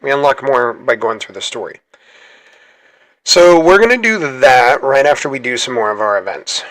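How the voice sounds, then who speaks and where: A man's voice: mid-range voice, lively intonation, normal speed, fairly bright tone, dry recording. A man hosting his gaming channel, chatting casually through gameplay, rambling and correcting himself as he goes. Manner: chatty, rambling, self-correcting, laughs easily.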